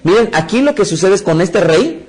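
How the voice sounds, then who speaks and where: A man preaching a sermon, reading scripture aloud and talking straight to his listeners, his voice rising high and loud when the story gets heated and dropping soft and low afterward. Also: normal speed, breathy edge. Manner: animated storytelling with sudden rises in pitch and loudness; addresses audience directly, reads scripture aloud.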